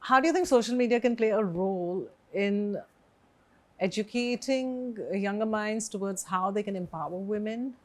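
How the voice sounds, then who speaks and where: A woman's voice: medium pitch, normal speed, a little mellow. A woman co-hosting a talk show, asking questions in a playful, chatty way and laughing often. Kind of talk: casual interview chat.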